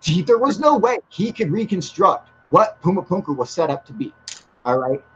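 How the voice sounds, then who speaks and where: A man's voice: high voice, normal speed, slightly rough. A man hosting a casual live stream about UFOs, swearing freely and laughing often, reading viewer chat. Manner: profane, excitable, laughs often. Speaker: host of a live UFO stream. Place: outdoors in humid air. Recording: slightly dull with faint hiss.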